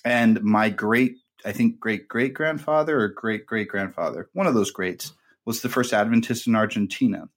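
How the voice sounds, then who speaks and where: A man with a lowish voice hosts a podcast, speaking at a moderate pace. In casual conversation, he tells a long family story in a rambling way, full of fillers.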